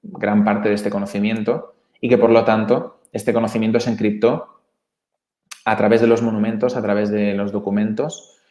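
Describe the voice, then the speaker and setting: A man's voice: fairly low pitch, little pitch movement, normal speed, dark tone, dull audio. Emphatic Spanish man, echoey room. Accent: Spanish from Spain. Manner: earnest, emphatic, with many restarts and tag questions. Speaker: presenter. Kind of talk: explaining slides to an audience.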